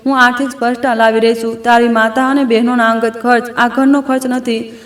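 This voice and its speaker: A pregnant young wife holding her ground, firm and measured, as a woman reads her lines. The voice stays level and flat in pitch. It sounds a little echoey, as if the room has bare walls. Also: natural voice.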